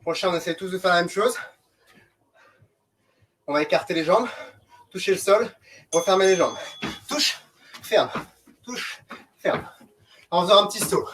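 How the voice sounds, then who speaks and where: A man's voice: sits high, unhurried, long pauses, fairly bright tone. A man coaching a group workout, giving short, commanding and encouraging instructions. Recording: distant mic, noisy background, clicks.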